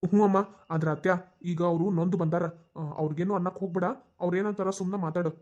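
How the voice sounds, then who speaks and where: A woman's voice: on the low side, fairly even intonation, quick pace, darkish tone, highs cut off, lightly acted. A woman voicing a caring young man who reassures his aunt, in a Dharwad Kannada accent. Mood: reassuring. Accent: North Karnataka Dharwad Kannada. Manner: reassuring, persuasive. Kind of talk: cartoon voice acting.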